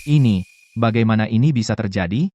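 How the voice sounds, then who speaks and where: A man playing a calm hospital doctor in a dubbed TV drama, speaking in a measured, reassuring way. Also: lowish voice, faint music behind, lightly acted. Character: calm male hospital doctor, matter-of-fact.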